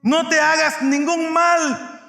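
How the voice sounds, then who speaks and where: An urgent apostle , acted out by a preacher, cries out high and loud in a casual, slangy way. The voice is bright and sharp, and it rings through a reverberant church hall. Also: male voice, steady tone, slow pace, gravelly, faint music behind, exaggerated voice. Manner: calls out loudly, casual slang. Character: apostle shouting to stop a jailer, adult man, urgent.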